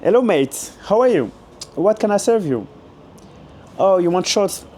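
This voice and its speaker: A hoarse young man role-playing a polite male bartender in English. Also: high-pitched, lively intonation, unhurried, warm tone. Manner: formal, apologetic.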